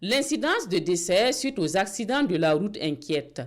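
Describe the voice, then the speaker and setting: A woman narrating a scripted TV news report in an even, formal tone. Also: medium pitch, moderate pace.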